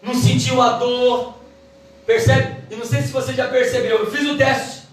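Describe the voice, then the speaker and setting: A woman giving a church Bible lesson, quick and emphatic in her delivery. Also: high-pitched, steady tone. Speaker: Bible teacher. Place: church hall. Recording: echoey hall, mic from far off.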